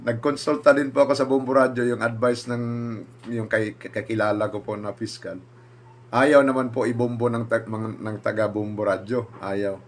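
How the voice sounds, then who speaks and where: A man's voice: medium pitch, moderate pace. A man, a pastor, telling a personal story and acting out what others said. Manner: animated, acts out quoted speakers with raised voice.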